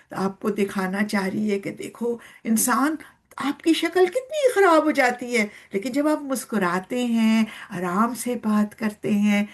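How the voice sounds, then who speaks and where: A woman with a Pakistani Urdu accent teaching a poem to children, storytelling in an animated way and asking them questions. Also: on the high side. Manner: animated, voices the cow's complaints and asks children questions.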